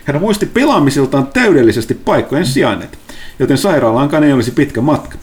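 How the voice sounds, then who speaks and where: A man narrating a tabletop role-playing game as its game master. His pitch sits mid-range, but his delivery moves a lot, rising and falling through the story. He tells it with an animated storyteller's energy.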